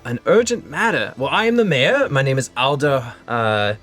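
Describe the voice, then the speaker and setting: A man's voice: normal speed, soft background music. A man voicing a flamboyant older male human mayor who gushes and repeats himself. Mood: delighted. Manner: effusive, repeats himself, high and excited.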